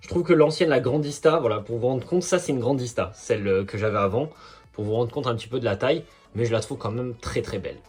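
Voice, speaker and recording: A YouTuber unboxes figurines, talking in a loose, slangy way with joking asides over quiet background music. He speaks fast, at a medium pitch, with a slightly mellow quality.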